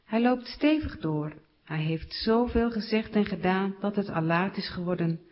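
Woman, children's Bible storyteller, clear simple telling, muffled sound. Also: mid-range voice, moderate pace. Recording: slightly dull recording.

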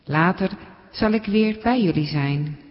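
A woman voicing a calm, gentle adult male teacher who speaks softly and reassuringly. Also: on the low side, natural voice. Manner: soft, reassuring, unhurried. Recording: dull recording with long reverb.

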